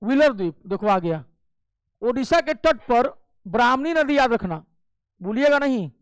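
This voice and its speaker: Guy coaching for exams, really high voice, smooth and dry. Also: animated, normal speed, no echo. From Bihar. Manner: explains step by step with frequent "ठीक है" check-ins. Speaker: teacher. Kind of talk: exam coaching lecture.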